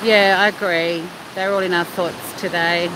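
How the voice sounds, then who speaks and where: On the low side and measured in pace, this Australian woman's voice comes from a beach live stream where she cheekily chats with and answers her viewers. Loud, persistent wind or surf noise sits under everything.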